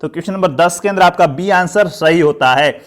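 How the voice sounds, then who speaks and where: High-voiced man teaching a grammar class. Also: brisk. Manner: asks questions and answers them himself, encouraging. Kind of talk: live online grammar class.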